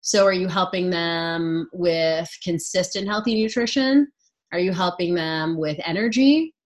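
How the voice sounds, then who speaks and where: Lady coach chatting casually on a group call, kinda low voice, lots of "like"s. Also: measured pace. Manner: casual, reassuring, lots of fillers.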